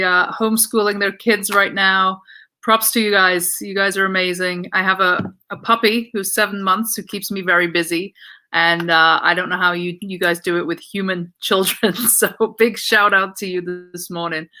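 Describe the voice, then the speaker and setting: Bright, chatty woman host. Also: medium pitch. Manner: upbeat, chatty, handling tech hiccups on the fly. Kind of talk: casual live-stream chat.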